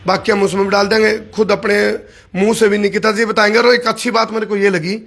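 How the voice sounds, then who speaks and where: Folksy Haryanvi interviewer. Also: male voice, high voice, level tone, quick pace, a bit bright. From Haryana, India. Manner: folksy, chatty, many short affirmations.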